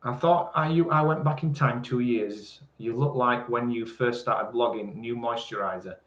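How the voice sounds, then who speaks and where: In a mid-range, somewhat bright voice at a moderate pace, this man in his forties reads out comments from viewers and teases his live stream co-host in relaxed banter. The stream's sound has an echo and is a bit dull.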